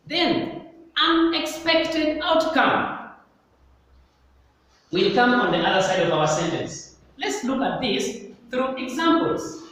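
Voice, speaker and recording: Slow, repetitive male teacher in echoey hall. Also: very high voice, fairly bright tone. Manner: slow, repetitive, stresses key words. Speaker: English teacher. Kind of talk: classroom grammar lesson. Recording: echoey hall, mic far off, faint noise.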